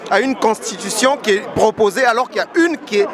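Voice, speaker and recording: A man's voice: high voice, fast. A male protester in a street interview, arguing his point and explaining at length. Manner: argumentative, explaining. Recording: outdoor street crowd.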